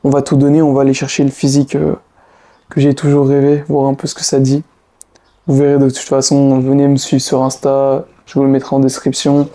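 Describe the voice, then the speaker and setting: A man's voice: medium pitch, warm tone. A young man vlogging casually about his training, giving coaching tips in a chatty, slangy way. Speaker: fitness vlogger. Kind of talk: casual vlog talk to camera.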